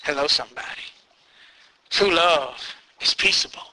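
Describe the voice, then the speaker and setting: A man's voice: a little high, moderate pace, sharp tone, slight background noise, poor audio. A man preaching a fervent church sermon at a pulpit microphone, repeating phrases and building them up for emphasis. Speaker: pastor preaching. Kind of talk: fervent church sermon with call-and-response refrains.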